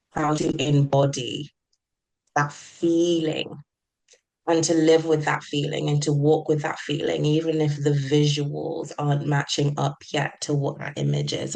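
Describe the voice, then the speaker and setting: A woman hypnotherapist answering interview questions in a calm, flowing, gently spiritual way. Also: rumbling low, gravelly, poor audio. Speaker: hypnotherapist guest. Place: remote call.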